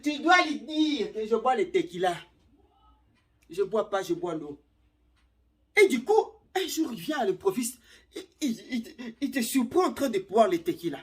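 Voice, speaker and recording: Woman vlogger, middle-aged, casual advice monologue, very lively intonation, animated and theatrical. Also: fairly high pitch, a little slow. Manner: animated, acts out little scenes, repeats words.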